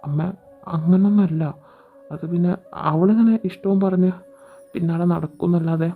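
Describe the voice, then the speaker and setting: A woman's voice: lowish voice, fairly even intonation, lightly acted. Brief: woman as a hesitant young male teacher, stammering, tinny lo-fi sound. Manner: halting, stammering. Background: faint background music.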